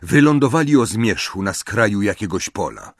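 A man reading an audiobook in expressive, measured storytelling. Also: on the low side, dry recording, clean studio sound. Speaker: audiobook narrator. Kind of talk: scripted narration.

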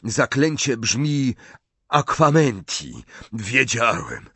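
A man's voice: mid-range voice, wildly swooping pitch, very slow, a bit bright, husky, no echo, heavily acted. A man voicing a huge, kind-hearted gamekeeper giant who talks in a rustic, folksy, blustery way. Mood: agitated.

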